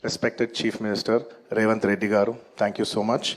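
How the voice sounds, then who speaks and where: A man speaking slowly and haltingly, pausing and correcting himself as he addresses an audience. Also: fairly low pitch, flat delivery, loud music behind the voice. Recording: noisy clip with clicks.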